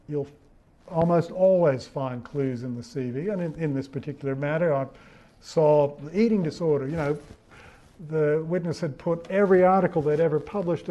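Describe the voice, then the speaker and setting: A man's voice: a little high, dark tone, dull audio. A middle-aged man tells courtroom stories to lawyers in a loose, anecdotal style, full of fillers and restarts. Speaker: barrister giving advocacy training. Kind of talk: talk to lawyers on expert witnesses.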